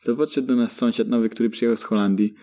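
A man's voice: mid-range voice, steady tone, fast talker, dark tone. A young man co-hosting a casual banter podcast, rambling through jokey stories. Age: young adult. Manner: joking, rambling storyteller. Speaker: podcast co-host.

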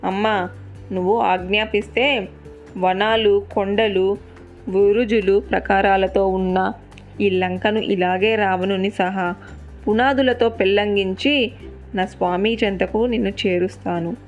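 A woman's voice: mid-range voice, fairly even intonation, measured pace, lo-fi sound, soft background music, close to an everyday voice. A woman narrator voicing a mighty, devoted male monkey hero, speaking in an earnest, reassuring way.

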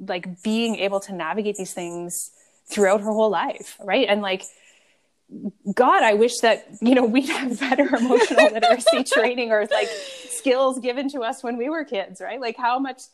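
A woman's voice: on the high side, lively intonation, normal speed. A woman hosting a casual conversation, affirming her guest and often asking "right?". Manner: warm, affirming, frequent "right?".

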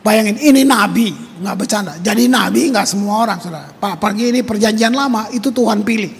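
A man, preaching a conversational sermon as pastor, animated and repeating words for emphasis. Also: a little fast, gravelly, husky, soft background music. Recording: reverberant hall with faint rumble.

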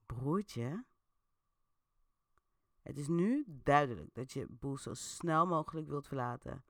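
A woman's voice: very deep voice, animated, slow pace, gravelly, no room sound, clean studio sound. A woman hosting an interactive story, narrating casually with a chatty, playful manner and many fillers. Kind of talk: casual storytelling with audience votes.

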